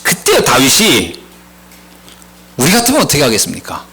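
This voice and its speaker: A male pastor preaching a sermon, retelling a Bible story with lively storytelling and short acted-out lines. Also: mid-range voice, normal speed, slightly rough, low-quality recording. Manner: lively storytelling, acting out biblical characters' lines.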